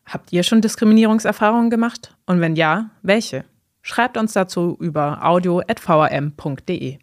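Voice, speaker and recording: A woman hosting a podcast, reading scripted narration in a calm, even way. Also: lowish voice, moderate pace. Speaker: podcast host.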